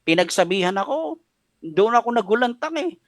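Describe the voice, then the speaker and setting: A man's voice: sits high, sing-song, moderate pace, no echo, clean studio sound. A middle-aged man with a Filipino accent preaching a radio sermon, telling a personal story with feeling and mixing Tagalog and English. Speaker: pastor.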